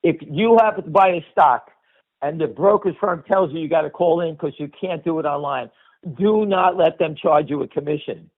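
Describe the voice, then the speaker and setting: Speaking at normal speed in a fairly high-pitched voice, a man of middle age or beyond leads a stock market call. His unscripted takes are opinionated, blunt and emphatic, peppered with swearing and repeated phrases, and the sound is muffled and lo-fi like a radio call.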